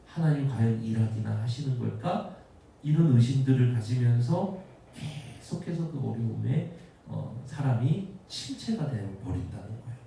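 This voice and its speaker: A man's voice: medium pitch, expressive, moderate pace, gravelly, mellow, a little hiss or hum. A man preaching a sermon as pastor. He talks in an emphatic way, often turns to the congregation, and builds up into fervent prayer. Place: church sanctuary. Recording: echoey church hall, from a distance.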